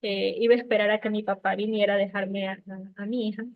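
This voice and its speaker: A woman's voice: mid-range voice, flat delivery, fast, no echo. A woman in her thirties sharing a heartfelt testimony at an online prayer meeting, telling her story with many fillers. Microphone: online call. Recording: tinny phone-like call audio, dry.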